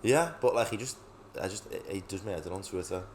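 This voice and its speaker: A young man co-hosts a podcast, chatting casually and telling stories full of swearing and frequent laughter. His voice is low-pitched and quick, and there is a little hiss or hum.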